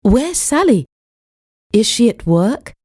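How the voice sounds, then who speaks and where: Reading textbook dialogues and lesson titles for an English course, a woman speaks slowly and carefully like a teacher. Her voice is on the high side, mellow and husky, with big pitch swings, recorded dry at studio quality.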